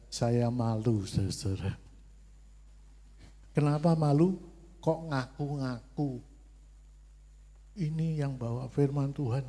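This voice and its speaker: A man with a Javanese accent preaching a sermon, telling stories in a lively way and acting out God's short replies. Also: mid-range voice. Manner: lively storytelling, playacting God's curt replies. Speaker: pastor. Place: church hall. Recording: long church hall reverb.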